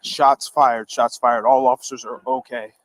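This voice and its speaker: Male deputy, police radio call, mid-range voice, distant, buried in loud noise. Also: medium pitch, flat delivery, normal speed. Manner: urgent, repeating short calls. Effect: police radio transmission. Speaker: sheriff's deputy.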